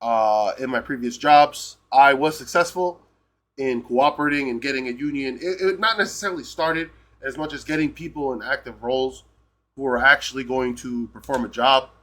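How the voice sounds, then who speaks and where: Peruvian-born male streamer; emphatic, rambling rant delivery; bright, tense voice. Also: medium pitch, normal speed. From Peru. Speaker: live streamer. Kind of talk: casual rant.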